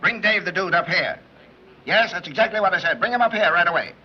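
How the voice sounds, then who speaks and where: An actor playing an indignant, blustering city mayor who gives brisk orders. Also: male voice, high voice, lively intonation. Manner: brisk, commanding. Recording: dull old 1930s film soundtrack, faint hiss.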